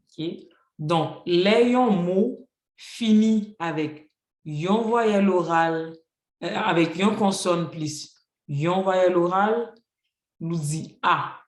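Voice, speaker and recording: A teacher works through a grammar lesson at a patient, even pace. Each rule gets an example, and "ok, donc" keeps coming back between points. The voice carries a roomy classroom echo at a middle pitch. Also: takes it slowly. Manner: patient, spells out rules with examples, frequent "ok, donc" fillers. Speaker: Haitian Creole teacher.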